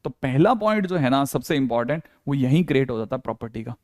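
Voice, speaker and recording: A man's voice: medium pitch, expressive, quick pace, darkish tone, no room sound, clean studio sound. A male maths teacher giving a casual board lecture, often checking in with the class and acting out the students' questions. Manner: chatty, repeats "ठीक है" often, acts out students' questions.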